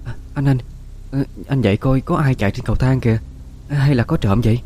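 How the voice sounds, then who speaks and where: A man's voice: mid-range voice, fairly quick, warm tone, slight background noise, natural voice. A man voicing a timid, anxious young daughter-in-law, who pleads and stammers. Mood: worried.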